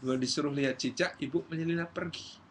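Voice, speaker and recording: A male Islamic preacher giving a lively study lecture, acting out everyday quotes as he tells stories. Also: a little high, fast talker, a little hiss or hum. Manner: lively storytelling, acts out quotes. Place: community gathering hall.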